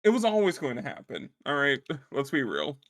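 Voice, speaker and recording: A man's voice: mid-range voice, huge pitch swings, normal speed, fairly bright tone. A man co-hosting a casual podcast chat, joking in a self-deprecating way. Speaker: podcast co-host.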